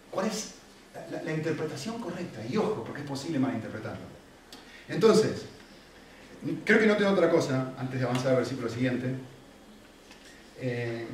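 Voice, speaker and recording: A man preaching a sermon in an animated, conversational way, often checking in with his listeners. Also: on the high side, a little hiss or hum. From Argentina. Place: church hall. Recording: echoey hall, mic from a distance.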